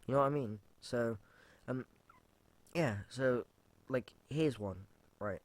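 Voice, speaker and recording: A man's voice: mid-range voice, slow pace. A man hosting a casual solo podcast, rambling informally with fillers, restarts and casual swearing, and reading out his own rap lyrics. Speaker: podcast host.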